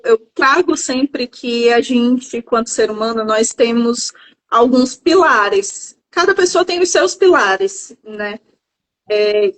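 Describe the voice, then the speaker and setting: A Brazilian woman with a slightly high voice speaks in a calm, measured way. She guides a reflective live conversation as a guest psychologist, often stopping to find the right word. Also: rough recording. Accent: Brazilian Portuguese.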